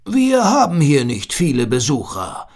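A man voicing a giant, friendly male seal with a thundering voice, reading a storybook aloud in slow, drawn-out words. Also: a little high, huge pitch swings, darkish tone, heavily acted. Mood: friendly, curious. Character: huge booming spotted male seal, friendly.

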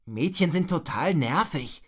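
A woman's voice: low voice, animated, unhurried, breathy edge, exaggerated voice. A woman voicing a bold, cocky young boy in a storybook reading. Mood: scornful.

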